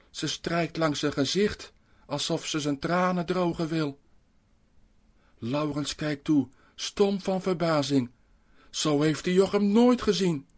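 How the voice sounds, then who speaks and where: Expressive man reading a children's story. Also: a little high. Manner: expressive, suspenseful reading with dramatic pauses. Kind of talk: scripted narration of a children's story.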